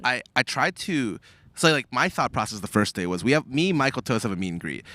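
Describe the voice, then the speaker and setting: A man's voice: medium pitch, very animated, brisk, bright, forceful tone. A male streamer in casual chat, earnest and a little rambling as he tells stories.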